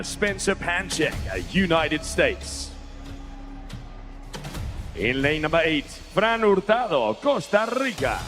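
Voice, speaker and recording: A man announces competitors like a classic stadium announcer. His voice is fairly high and swoops widely, with slow, drawn-out phrasing. Loud music plays behind him in the arena. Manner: drawn-out, sing-song announcer delivery. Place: large sports arena.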